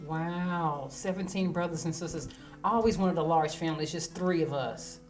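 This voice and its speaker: Woman host, lowish voice, chatty, trips over her words a lot. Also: moderate pace, soft background music. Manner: lively, stumbling over restarts, chatty. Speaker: host, executive director. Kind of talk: casual interview.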